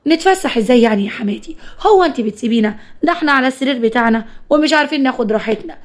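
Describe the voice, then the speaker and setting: A woman's voice: high voice, expressive, rapid-fire. A woman voicing a young pregnant wife who complains and pleads with her mother-in-law, with an Egyptian accent. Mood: aggrieved.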